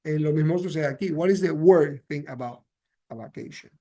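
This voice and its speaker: A man's voice: fairly high pitch, normal speed, mellow. A man with a slightly raised voice explains grammar patiently to his students. He switches easily between Spanish and English. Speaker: English teacher. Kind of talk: classroom grammar lesson.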